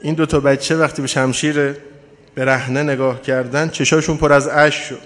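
A man's voice: medium pitch, steady tone, fairly bright tone. Male preacher narrating in a ringing hall. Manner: emotional storytelling, addresses mourners directly. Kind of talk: mourning sermon narration. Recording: long hall reverb.

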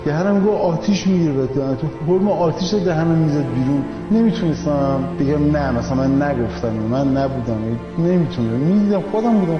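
Halting man in a dull echoey hall. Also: a little high. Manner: halting, distressed retelling. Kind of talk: personal testimony. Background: music.

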